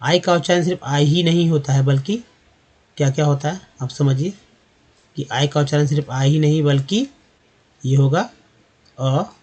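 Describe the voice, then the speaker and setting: A man's voice: fairly high pitch, normal speed, long pauses, a little mellow, breathy edge. A man giving a spoken lesson on English pronunciation, spelling words out letter by letter and repeating them. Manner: addresses viewers as friends and asks questions to the class. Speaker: English teacher.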